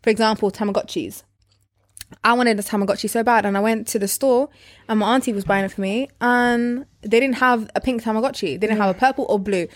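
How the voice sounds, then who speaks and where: A woman's voice: a little high, a little fast, no room sound, clean studio sound. A young woman, co-hosting a casual chat and telling stories animatedly, swearing often. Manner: animated storyteller, swears often, acts out quotes. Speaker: podcast co-host.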